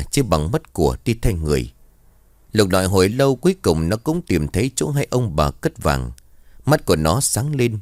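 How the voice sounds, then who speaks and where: A man's voice: lowish voice, darkish tone, dry recording, studio quality. A man narrating a ghost story in a dramatic storytelling way.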